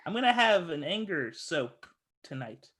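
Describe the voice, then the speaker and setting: A man co-hosting an improvised comedy scene over a home video call, halting and melodramatic. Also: fairly high pitch, sing-song, pushed and bright. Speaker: improv co-host.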